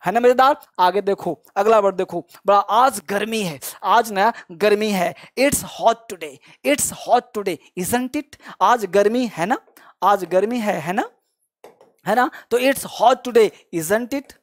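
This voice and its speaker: High-voiced man teaching spoken English. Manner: drills example sentences slowly and repeatedly; encouraging, chatty asides to learners. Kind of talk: online language lesson.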